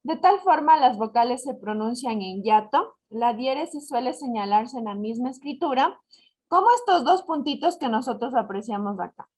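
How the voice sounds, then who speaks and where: A woman teacher with an Ecuadorian Spanish accent explaining a lesson step by step, slowing down on examples and checking that her students follow. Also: fairly high pitch, lively intonation, darkish tone. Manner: didactic, slows to spell out examples, asks "¿ya?" to check understanding. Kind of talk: recorded lesson explaining syllable counting.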